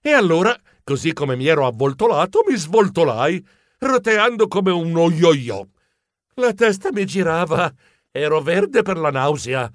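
A man narrating a comic children's story in the first person, in an animated, expressive telling. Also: a little high, no echo, clean studio sound. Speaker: audiobook narrator.

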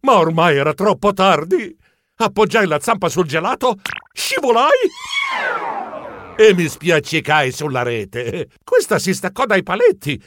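A man narrating a comic children's story in the first person, in an animated, expressive telling. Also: sits high, slight background noise. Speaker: audiobook narrator.

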